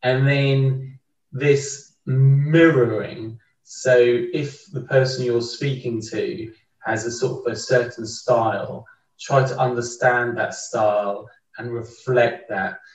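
A man's voice: mid-range voice, fairly even intonation, slow. A man as a podcast guest, talking through a book in a thoughtful, casual way with frequent restarts. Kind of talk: casual conversational book discussion. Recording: roomy, distant, dull remote mic.

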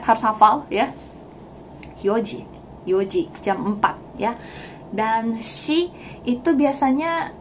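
A young woman giving a casual language lesson, chatty and laughing often, repeating words slowly for learners. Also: on the high side, a little hiss or hum. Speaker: Japanese language teacher.

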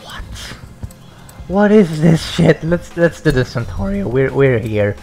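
An excitable young man comments on a racing game, stumbling over his words and laughing a lot. His voice swoops widely up and down while his speech stays drawn out and slow, with faint music under him. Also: a little high, vocal fry, slightly rough. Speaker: gaming channel host. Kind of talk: excited let's-play commentary.

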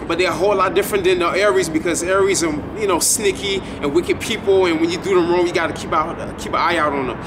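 A man's voice: high-pitched, steady tone, quick pace, few pauses. A man in his twenties talking casually to the camera outdoors at night, rambling and repeating himself. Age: 20s. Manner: rambling, repetitive, laid-back. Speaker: vlogger. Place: outdoors at night in front of a building. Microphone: camera a few feet away. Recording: distant camera mic, street noise.

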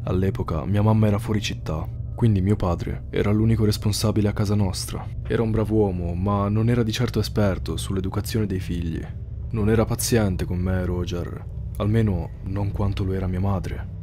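A man narrating a horror story in a measured, somber scripted read. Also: lowish voice, steady tone, music in the background.

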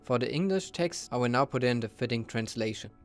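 Man calmly explaining a software tutorial. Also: mid-range voice, a little fast, soft background music. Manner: steady, explanatory, step-by-step. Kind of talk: screen-recorded software tutorial.

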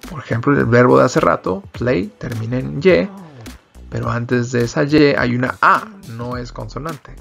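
A man's voice: medium pitch, normal speed, gravelly, fairly bright tone, faint music behind. A man teaching an English lesson in Spanish, explaining grammar patiently and repeating example sentences in both languages.

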